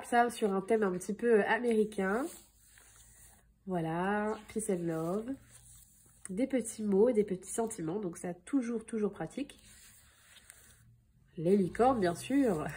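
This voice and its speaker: A woman scrapbooking vlogger chatting casually through a product haul, with frequent filler pauses. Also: mid-range voice, mellow, slightly rough. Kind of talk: casual haul video narration.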